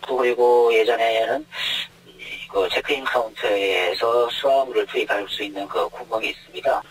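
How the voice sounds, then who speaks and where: An anonymous airport security guard, a man whose voice is disguised with deep pitch shifting, explaining things step by step and often starting with hesitant fillers. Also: normal speed, husky, poor audio. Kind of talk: anonymous news interview answers. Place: connected to the studio from elsewhere.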